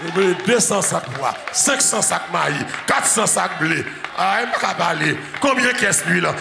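A Haitian man preaching a sermon as pastor, breaking into loud shouted bursts and dropping into quiet storytelling. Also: sits high, lively intonation, measured pace, creaky, echoey room, a crowd in the background, noisy background.

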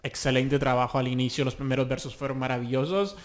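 A man's voice: medium pitch, fairly even intonation, fast talker. A young man from Latin America hosting a music reaction, gushing with exclamations and pointing out singing technique as a song plays. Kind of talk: reaction commentary over a song. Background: song playing faintly.

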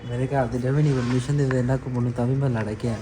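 Man, Punjabi accent, rapid teasing chat, busy street crowd behind. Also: mid-range voice, level tone, rough recording. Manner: teasing, quick-talking. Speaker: vlogger's friend. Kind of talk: casual banter. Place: outdoors on a busy market street. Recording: outdoor phone recording with crowd noise.

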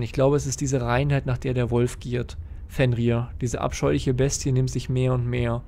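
A man's voice: medium pitch, gravelly, darkish tone, lightly acted. A man reading as a guilt-ridden grieving father. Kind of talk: reading a game diary aloud.

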